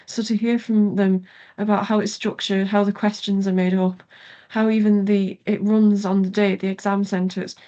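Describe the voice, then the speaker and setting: Mellow young woman, west of Ireland accent. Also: medium pitch, highs cut off. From Galway, Ireland. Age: young adult. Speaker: interview guest, pharmacy student. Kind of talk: casual interview answers.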